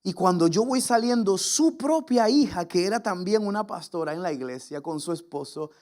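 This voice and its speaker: A man's voice: high-pitched, animated, normal speed, darkish tone. A Venezuelan man in his forties, a pastor preaching an impassioned sermon and having the congregation repeat lines after him. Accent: Venezuelan Spanish.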